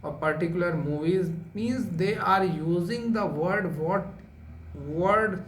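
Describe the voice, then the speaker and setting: A man giving a spoken English lesson, talking slowly with lots of repetition and filler sounds. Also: sits high, fairly bright tone, a little hiss or hum. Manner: slow, repetitive, many filler uhs. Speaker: English teacher. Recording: echoey room with faint ambience.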